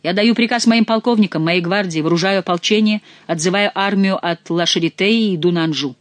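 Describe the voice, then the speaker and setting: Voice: medium pitch, brisk, no echo, lightly acted. A reader voicing a weary, anxious male king giving orders in an audiobook. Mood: commanding. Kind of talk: audiobook character voice.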